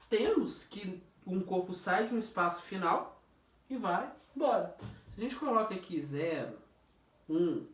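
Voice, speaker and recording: A male teacher runs a casual physics review, tossing questions at a student and stretching out key words. He sits back from the mic in a roomy, echoing space. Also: high voice. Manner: jokey, questioning, drawn-out stressed words. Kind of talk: informal classroom review. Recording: echoey room, distant mic.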